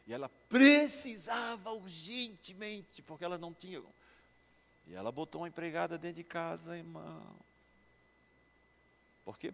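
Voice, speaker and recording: A man with a Brazilian Portuguese accent preaches a sermon in a somewhat high voice. He drops into low, quiet asides and then climbs to loud, fervent declarations. His voice rings with the long reverb of a large hall. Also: vocal fry. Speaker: pastor. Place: church hall.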